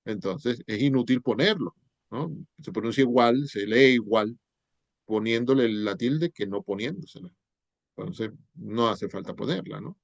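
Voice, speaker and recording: A man's voice: mid-range voice, a little slow, creaky, dry recording, dull audio. A middle-aged man giving a university lecture on spelling, explaining step by step and checking in with rhetorical questions. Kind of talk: class lecture on spelling rules.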